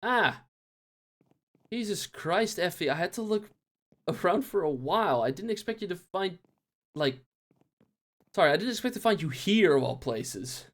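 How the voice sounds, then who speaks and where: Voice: mid-range voice, expressive, moderate pace, long pauses, lightly acted. A voice actor voicing an earnest, jumpy, teasing lead character in a game.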